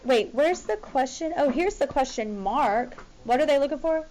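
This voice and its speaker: A woman's voice: sits high, lively intonation, normal speed, a little mellow, slight background noise. A woman teacher talking to her class in an informal, directive way as she works through math examples. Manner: informal, directive, checking students follow along.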